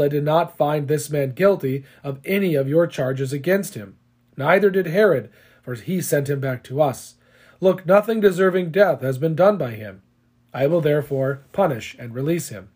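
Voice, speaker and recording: A man voicing a weary male Roman governor who is a reluctant judge, read in a measured, even way. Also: fairly high pitch, breathy edge. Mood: insistent.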